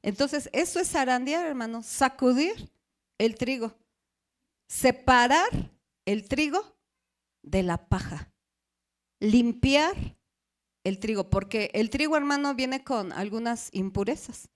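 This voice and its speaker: A woman's voice: fairly high pitch, expressive, slow, pauses often. A middle-aged woman pastor, preaching a sermon and asking the congregation questions, drawing out key words.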